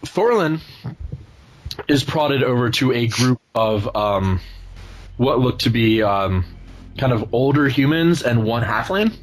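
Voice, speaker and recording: A man improvising tabletop game narration as game master, often searching haltingly for his words. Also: medium pitch, lively intonation. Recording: noisy room recording.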